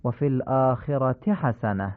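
Man teaching recitation over tinny radio. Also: medium pitch. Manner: calm explanatory, recites Arabic phrases slowly to demonstrate. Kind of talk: radio lesson on correct recitation. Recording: tinny phone-like old radio recording.

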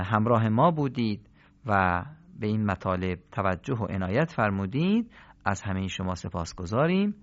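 Man teaching a Quran recitation lesson. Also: fairly low pitch. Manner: didactic, poses questions and answers them, stretches example words. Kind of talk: recorded lesson. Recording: slightly dull lo-fi recording.

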